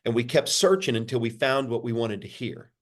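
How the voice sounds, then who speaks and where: A pastor, a man, answering interview questions in a sermon-like way, repeating phrases and lifting his pitch for emphasis. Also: a little fast. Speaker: pastor, podcast guest.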